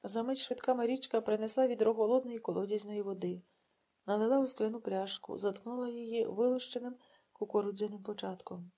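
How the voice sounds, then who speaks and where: A woman narrating a literary audiobook in a measured, dramatic storytelling manner. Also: medium pitch, fairly even intonation, warm tone.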